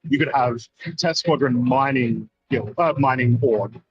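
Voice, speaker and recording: A man talking in casual, rambling chat as a remote guest on a gaming stream, heard through noise suppression artifacts over loud background noise. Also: mid-range voice, a little slow, breathy edge, soft background music. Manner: rambling, lots of "like" and "uh". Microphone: remote call, no proper microphone. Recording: muffled remote call with noise reduction artifacts.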